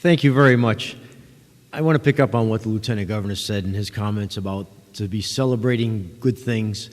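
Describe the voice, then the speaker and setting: A man's voice: on the low side, normal speed. A man giving gracious formal closing remarks, thanking the audience at a ceremony. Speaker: master of ceremonies. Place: large ceremonial hall. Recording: long hall reverb.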